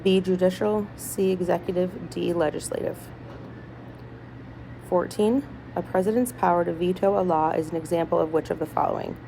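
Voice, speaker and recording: Lowish woman w vocal fry reading test questions out loud in a hospital room, bit of background noise. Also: fairly even intonation, low-quality recording. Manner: deliberate, item-by-item reading with small stumbles. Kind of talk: reading multiple-choice test questions aloud. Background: people talking, ambient noise.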